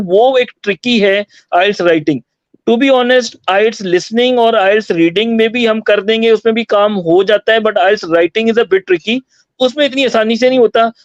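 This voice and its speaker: Male IELTS teacher, high voice, explains patiently in mixed languages, muffled lo-fi line. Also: no echo. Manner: explanatory, mixes Hindi-Urdu with English phrases. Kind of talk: online interview answers.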